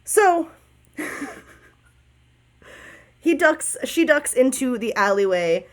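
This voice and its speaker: A woman game master narrating a tabletop game in a relaxed, rambling way, correcting herself as she goes. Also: high voice, takes it slowly.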